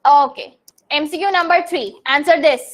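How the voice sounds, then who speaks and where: A woman's voice: high-pitched, normal speed. A young woman from Bangladesh teaching English grammar in a live online class, explaining terms and answering student comments as she goes.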